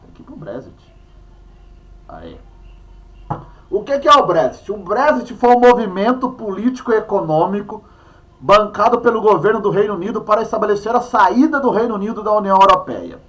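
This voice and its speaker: Lively high-voiced man teaching history. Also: fairly quick, highs cut off. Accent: Brazilian, Minas Gerais. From Brazil. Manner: chatty, playful teacher, banters with a co-host. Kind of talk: online class lecture.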